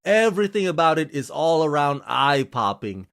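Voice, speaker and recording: A man's voice: big pitch swings, moderate pace, vocal fry, a bit bright. A man from Indonesia hosting his own channel, delivering a scripted series review with gushing, emphatic enthusiasm. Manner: gushing, emphatic delivery with frequent swings in pitch and pace. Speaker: film reviewer and channel host.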